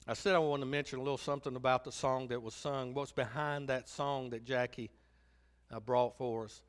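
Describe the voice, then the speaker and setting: A man's voice: mid-range voice, fairly quick. A man preaching a sermon as pastor, telling stories animatedly and acting out the quotes. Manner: animated storytelling, acts out quotes.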